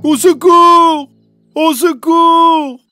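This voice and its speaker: A man voicing stubborn little pigs in a children's storybook, in a squeaky high voice over music. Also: very animated, unhurried, slightly rough, no echo, full character voice. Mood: panicked. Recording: music playing underneath.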